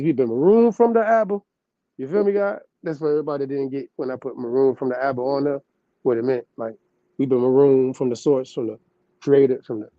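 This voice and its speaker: A man's voice: mid-range voice, no room sound, highs cut off. A man hosting a podcast who switches between casual slangy talk and reading passages aloud, often turning to a listener he calls God. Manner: loose slangy asides, calling the listener "God".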